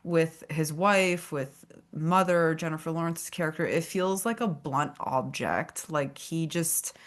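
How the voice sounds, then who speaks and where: A woman's voice: sits low, measured pace. A woman hosting a podcast interview, talking in an earnest, thoughtful way. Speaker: podcast host and therapist. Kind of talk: casual interview conversation.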